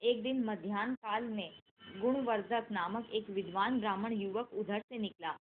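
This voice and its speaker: A woman's voice: mid-range voice, moderate pace, close to an everyday voice. Wise old sage, read by a woman. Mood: solemn. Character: wise old male sage, calm and stern. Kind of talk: devotional scripture reading. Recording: tinny phone-like line, faint noise.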